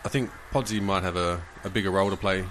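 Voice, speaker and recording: A blunt Australian man chats casually about football at a quick clip. His voice is on the low side, with clear ambient noise behind it. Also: steady tone, a bit bright. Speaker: sports podcast co-host.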